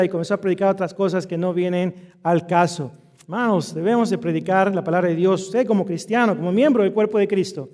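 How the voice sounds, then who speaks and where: A man's voice: high voice, a little mellow. A man preaching an earnest sermon in a church, often using fillers and asking rhetorical tag questions. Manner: earnest, with fillers like "este" and "¿verdad?".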